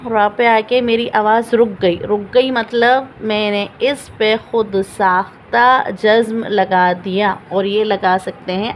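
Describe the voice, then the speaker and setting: A woman's voice: fairly high pitch, slight background noise, rough recording. Patient woman teaching Quran reading. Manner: patient, repeats examples slowly, asks questions and answers them. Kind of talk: step-by-step Quran reading lesson.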